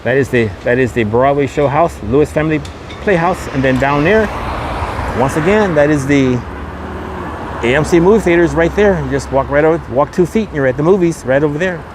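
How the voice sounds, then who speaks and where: A man with a fairly high pitch, speaking a little fast, hosts a casual walking tour podcast on a windy shopping mall street, circling back over his points in tour-guide patter. The podcast host and vlogger uses a camera microphone with a wind guard, and windy street noise fills the recording.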